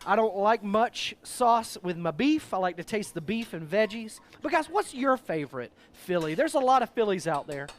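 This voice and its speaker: Jolly, loud barbecue-dad show host, man. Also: high-pitched, expressive, normal speed, hardly any pauses. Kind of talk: casual outdoor cooking show chat.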